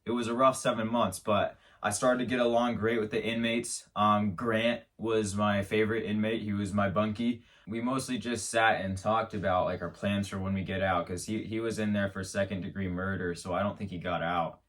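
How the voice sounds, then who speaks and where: A man hosting his show rambles through an absurd comic story with mock seriousness, stumbling on restarts. His voice is on the low side and a bit bright, with fairly even intonation, a moderate pace, and hardly any pauses, and he sounds far from the mic.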